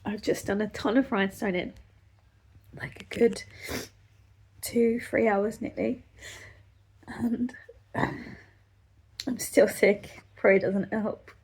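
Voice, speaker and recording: A woman vlogger recording a tearful, halting video diary at home on her phone, her voice trailing off into soft whispers. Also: medium pitch, steady tone, breathy edge. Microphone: phone camera.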